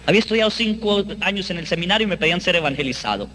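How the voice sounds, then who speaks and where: A man giving an emotional first-person faith testimony, earnest and dramatic, slowing down on key phrases. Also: high voice, lively intonation, bright, forceful tone, slight background noise.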